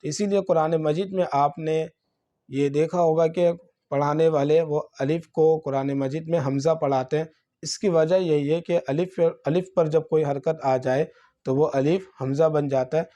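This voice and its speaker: A man's voice: a little high, fairly even intonation, warm tone. A man with a Pakistani Urdu accent teaching Quran reading, explaining letters and vowel marks step by step. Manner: drawn-out syllables in recitation drills. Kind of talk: slow spelled-out teaching lesson.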